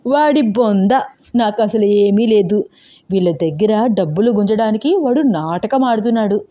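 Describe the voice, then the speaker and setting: A woman voicing a bossy, scheming grandmother in her seventies who scolds loudly and talks slyly. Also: medium pitch, lively intonation, normal speed, natural voice. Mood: sly, confiding. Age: over 60. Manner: shouting, scolding, sly.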